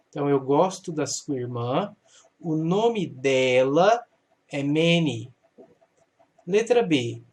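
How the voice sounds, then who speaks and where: Slow, patient man teaching. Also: a little high. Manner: patient, explains slowly, asks and answers his own questions. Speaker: English teacher. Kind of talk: step-by-step grammar lesson.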